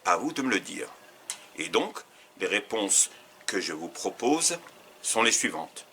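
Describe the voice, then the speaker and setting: A man with a fairly low but bright, forceful voice, running a quiz for his learners. His pitch swings widely as he poses each question, and he goes back over the answer choices one by one. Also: sing-song, measured pace, slight background noise. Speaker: Arabic teacher.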